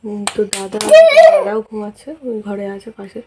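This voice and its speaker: A woman's voice: mid-range voice, animated, normal speed, very noisy. Coaxing mother chatting in a home vlog. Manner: coaxing, repetitive talk to her small son. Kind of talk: casual vlog chat. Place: home at night.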